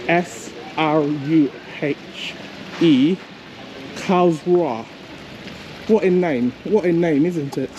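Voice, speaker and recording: A man's voice: fairly high pitch, low-quality recording. A man filming a casual travel vlog while walking city streets, chatty and rambling, often laughing at himself. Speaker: travel vlogger. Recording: outdoor street noise with passing traffic.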